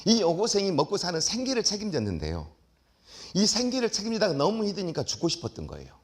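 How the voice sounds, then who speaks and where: A middle-aged man tells a story to an audience, acting out each exchange with raised, vivid delivery. His voice is slightly husky and sits a bit high for a man, and his pitch leaps about widely. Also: fast talker. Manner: animated, acts out dialogue with shouts. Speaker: lecturer. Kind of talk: dramatic storytelling lecture.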